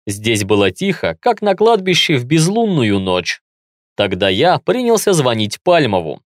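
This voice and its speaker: Lively male audiobook narrator. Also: medium pitch, measured pace, dry recording, studio quality. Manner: lively storytelling. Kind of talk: scripted narration.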